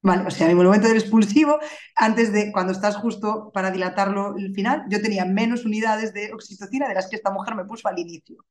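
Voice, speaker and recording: A woman tells her birth story openly as a podcast guest. She speaks in a mid-pitched voice and keeps it conversational, with frequent little tag questions. The recording has a noticeable room echo. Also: steady tone, fast, darkish tone. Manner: conversational and candid, with frequent filler tags.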